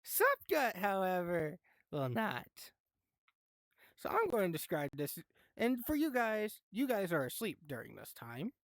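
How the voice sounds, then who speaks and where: A relaxed game master guides the players through a tabletop session in a loose, chatty manner and laughs easily. The voice sits at a middle pitch and sounds close and dry, with no room around it. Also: normal speed, dry recording. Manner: laid-back, chatty, laughs often, swears. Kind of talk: running a tabletop game live.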